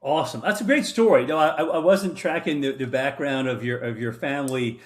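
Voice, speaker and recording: A man's voice: medium pitch, fairly quick. A man hosting a veterans' podcast in a casual interview, talking enthusiastically with frequent fillers and restarts. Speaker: podcast host.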